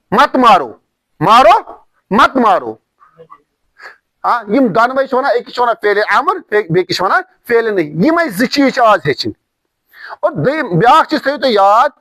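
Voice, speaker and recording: A man's voice: very high-pitched, bright, forceful tone, dry recording. A man teaching an Arabic lesson, drilling word forms over and over and stressing his examples. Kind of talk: recorded language lesson.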